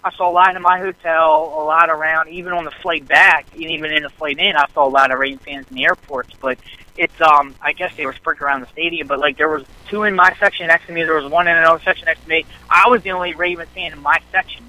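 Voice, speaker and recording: A man excitedly telling a rambling story about a football game, co-hosting a casual sports chat. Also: a little high, fast talker, low-quality recording. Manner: animated storyteller, rambling with restarts. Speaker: podcast co-host.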